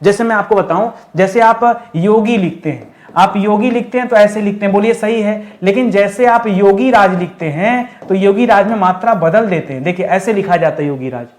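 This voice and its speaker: A male teacher with a notably high voice works through spelling mistakes for exam students. He keeps asking the class what the right form is and answers it himself. His corrections are firm and repetitive. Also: normal speed. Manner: repeats questions to the class and answers them himself. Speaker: Hindi teacher. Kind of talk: online exam-prep lesson.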